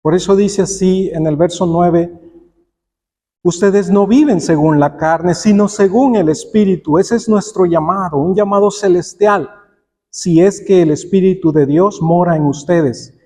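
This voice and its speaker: Preaching to a congregation in a church hall, this man uses a high-pitched voice with a dark tone and a measured pace. He acts out imagined conversations and quotations and asks rhetorical questions, and the large hall gives the recording a long echo.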